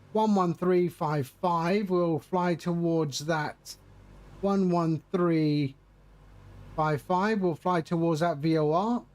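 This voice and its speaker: High-pitched man, unhurried. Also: a little mellow. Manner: chatty, greets viewers while narrating flying. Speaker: flight simulator streamer. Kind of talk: casual live stream commentary.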